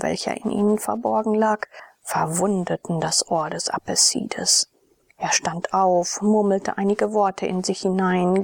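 A woman reads a story aloud in a measured, steady narration. Her voice has a gravelly fry and a husky grain, captured dry and close with no room sound. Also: on the low side, dry recording. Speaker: audiobook narrator. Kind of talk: scripted narration.

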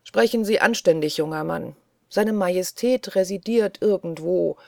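A woman reading the lines of an old, fussy British colonel in an audiobook, earnest and softly pleading. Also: lowish voice, moderate pace, vocal fry, no room sound, studio quality. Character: elderly male British colonel, gentle, fussy.

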